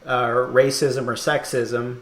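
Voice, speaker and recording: A man hosts a casual podcast chat, thinking out loud with plenty of fillers and the odd laugh. His voice sits at an ordinary pitch. It carries a roomy echo from the space around him. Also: level tone, slow. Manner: rambling, thoughtful, laughs often. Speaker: podcast host.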